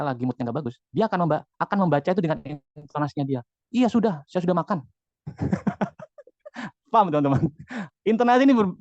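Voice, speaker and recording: A man leading a motivational business training over a video call, lively and chatty, often turning to his audience. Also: a little high, no echo, dull audio. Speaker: business team leader giving a training.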